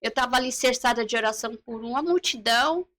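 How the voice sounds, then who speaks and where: A woman's voice: fairly high pitch, quick pace. A middle-aged woman giving a personal faith testimony on a church live stream, telling her story vividly and acting out the dialogue she remembers. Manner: animated storyteller who acts out the dialogue she recalls.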